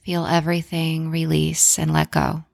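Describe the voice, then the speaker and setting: A woman softly guiding a breathing relaxation in a soothing, unhurried manner, as a podcast host and yoga guide. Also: low voice, monotone, creaky, no echo.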